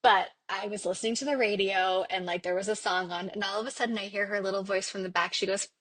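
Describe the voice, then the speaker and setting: A woman co-hosting a podcast in a casual chat, chatty and giggly, sometimes dropping to a hushed aside. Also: mid-range voice, steady tone, fast. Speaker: podcast co-host.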